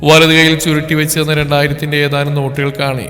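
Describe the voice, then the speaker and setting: A man narrating a scripted story in a steady, even storytelling delivery. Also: a little high, quick pace. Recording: long reverb with background music.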